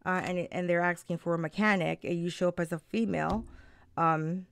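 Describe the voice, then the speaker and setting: A woman co-hosting a live-stream talk, chatting casually, animated and laughing often, with many restarts. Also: on the low side, a little fast, gravelly, clear, resonant tone.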